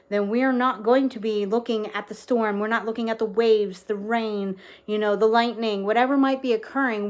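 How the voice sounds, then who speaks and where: Woman, faith content creator, mid-pitched voice; casual, earnest devotional chat full of fillers. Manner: chatty and earnest, many fillers. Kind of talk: casual devotional talk to camera.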